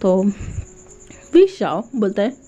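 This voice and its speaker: A woman's voice: medium pitch, big pitch swings, slow pace, warm tone, lo-fi sound. A woman retelling a story in a chatty, casual way, with many fillers.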